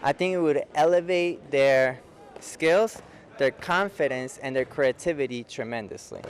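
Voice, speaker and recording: A man's voice: mid-range voice, unhurried. A man in his forties from Peru, a youth futsal coach in a local cable TV interview, who explains simply and keeps checking in with "okay?". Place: indoor futsal facility.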